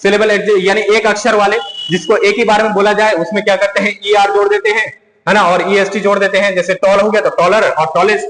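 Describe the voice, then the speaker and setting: A male teacher giving a grammar lesson, asking questions and answering them himself, and repeating key words slowly. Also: sits high, flat delivery, a bit bright. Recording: echoey room with long reverb.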